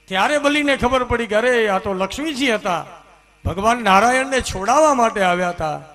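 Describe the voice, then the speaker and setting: A man preaching a religious story discourse, in an animated manner that rises to loud exclamations. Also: very high-pitched, moderate pace. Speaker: katha preacher. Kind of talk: sermon storytelling.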